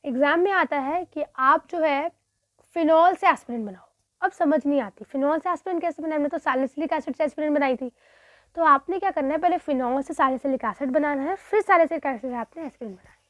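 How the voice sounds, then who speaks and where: A woman's voice: high voice, fairly quick, no echo, muffled recording. A woman teaching a chemistry exam revision lesson, asking herself questions and repeating the key terms, mixing in English phrases. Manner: mixes Hindi with English phrases.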